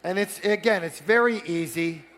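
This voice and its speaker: A man giving an energetic live seminar talk, drawing call-and-response from the audience. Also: high voice, normal speed. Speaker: seminar speaker. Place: large seminar hall. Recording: long hall reverb.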